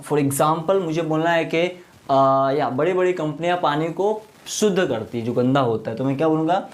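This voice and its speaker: A young man with an Indian accent teaches English words in a Hindi lesson, with a voice pitched a little high. He explains each word patiently, gives example sentences and checks with a frequent "right?".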